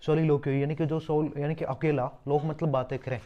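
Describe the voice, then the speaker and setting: A man's voice: fairly high pitch, level tone, fairly quick, highs cut off. A man teaching English vocabulary for an exam, spelling each word letter by letter and explaining roots and meanings, often repeating words and asking himself rhetorical questions. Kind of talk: exam-prep vocabulary lesson.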